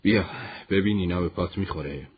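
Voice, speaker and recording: Brief: man voicing a humble commander, gentle and teasing, low husky voice in a storybook. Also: phone-quality sound. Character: calm male war commander, teasing and humble.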